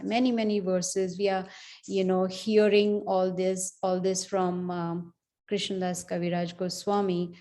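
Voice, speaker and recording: A woman's lowish, slightly mellow voice carries a scripture class. She tells the story as if chatting, stepping aside often and using "you know" again and again.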